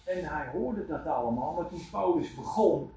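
A man preaching a sermon, telling Bible stories with lively acted quotes. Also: a little high, moderate pace. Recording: echoey room, voice from far off.

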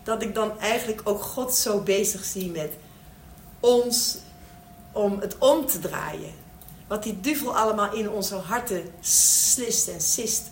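A woman's voice: mid-range voice, slow, far from the mic. Lady telling faith stories, does voices for everyone, roomy echo, sits back from the mic. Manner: animated storytelling, acting out the people in her stories. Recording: echoey room, speaker away from mic, faint noise.

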